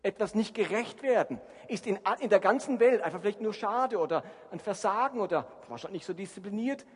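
A male pastor delivers a sermon in a fairly high, husky voice. He preaches with emphasis and keeps turning to his listeners with rhetorical questions. His words ring out with a long reverb, as if from a large hall. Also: expressive, brisk.

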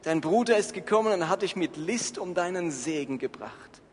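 A man's voice: sits high, animated, moderate pace, slightly rough. A man voicing a shaken old father, reading his startled, dismayed lines in an echoey hall. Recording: echoey hall, faint ambience.

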